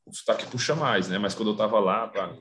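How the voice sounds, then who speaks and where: A man from Northeast Brazil, an academic presenter, chatting on a video call in a relaxed, slangy, animated way. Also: lowish voice, fast, very noisy. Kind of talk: casual chat on a video call.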